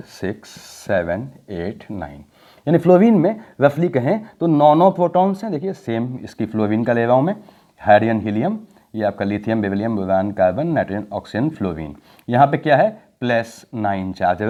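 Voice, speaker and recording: A male chemistry teacher explains step by step, asking his students questions as he goes. His pitch moves a lot and his tone is warm and mellow. The audio is dull and lo-fi. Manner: talks the class through steps with rhetorical questions; mixes Hindi with English technical phrases, drawing out key words. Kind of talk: explaining at a board in a recorded lecture.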